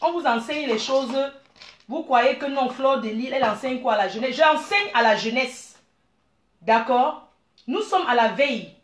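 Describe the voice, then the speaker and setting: A middle-aged woman from Cameroon, giving blunt, animated advice and calling her listeners dear. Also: sits high, unhurried, echoey room. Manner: blunt, animated, calls listeners "maman" and "ma chérie". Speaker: business owner. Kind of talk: frank advice monologue.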